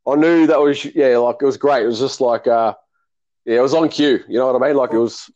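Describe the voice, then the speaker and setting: A man's voice: medium pitch, a little fast, darkish tone, lo-fi sound. A man from Melbourne with an Australian accent, hosting a casual chat about tennis and calling the match in a rambling, restart-filled way. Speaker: host and tennis fan commentator.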